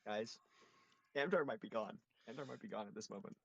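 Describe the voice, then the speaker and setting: A man's voice: lowish voice, brisk, creaky, slightly rough, dry recording. A man playing a tabletop game, bantering loosely and swearing. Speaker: player. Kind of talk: casual game-table chat.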